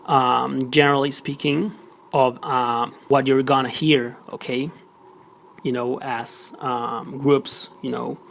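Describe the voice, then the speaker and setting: Creaky-voiced male teacher explaining. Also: mid-range voice, fairly bright tone, a little hiss or hum. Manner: explanatory, many fillers and check-ins like "okay?". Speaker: Spanish teacher. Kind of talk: recorded audio lesson.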